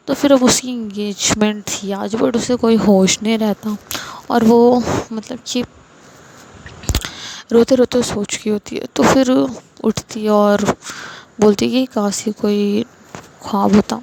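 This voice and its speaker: A woman's voice: on the high side, creaky, background noise. A young woman from India telling a story in a casual, chatty way with lots of fillers. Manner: chatty, many filler words.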